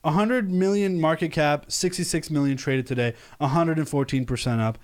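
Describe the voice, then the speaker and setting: A man's voice: on the high side, normal speed. A young American man from the United States hosting a casual live stream, talking upbeat and rambling with many fillers and restarts. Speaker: crypto channel host.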